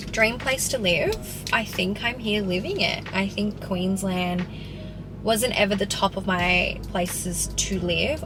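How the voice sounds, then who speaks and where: A young Australian woman in her twenties answering viewer questions in a casual vlog, chatty and full of "like". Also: on the low side. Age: 20s. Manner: chatty, peppered with "like". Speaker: fitness vlogger. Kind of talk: casual Q&A to camera. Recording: music playing underneath. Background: background music.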